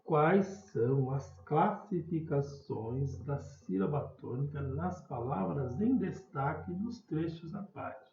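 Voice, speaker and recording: Patient teacher, roomy dull recording. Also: male voice, on the high side, lively intonation, creaky. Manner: patient, repeats words slowly, calls out stressed syllables loudly. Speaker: primary school teacher. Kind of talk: recorded remote class explanation.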